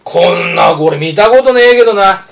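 Lively older man, gruff and lecturing. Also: high voice, moderate pace. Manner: gruff, lecturing and teasing, animated storyteller. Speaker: horse racing pundit. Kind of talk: casual radio chat.

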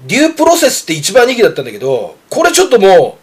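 A horse racing pundit in his fifties shares racing tips on a casual podcast, rambling with jokes and coarse banter. His voice sits high for a man, with wildly swooping pitch, and he talks quickly.

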